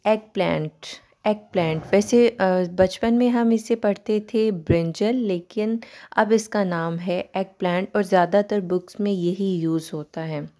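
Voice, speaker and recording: A woman teacher walks learners through English words, repeating each one slowly so they can follow along. Her voice is mellow and unhurried, pitched in an ordinary middle range. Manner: slow, repeats each word for learners to copy. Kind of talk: pronunciation lesson.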